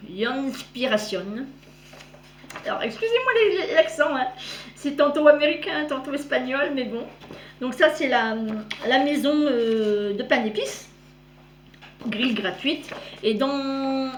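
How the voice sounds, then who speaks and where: A woman's voice: high-pitched, slight background noise. A woman chatting casually through a show-and-tell vlog, meandering and often correcting herself mid-sentence. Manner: addresses viewers warmly as "girls". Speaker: cross-stitch vlogger. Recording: roomy echo.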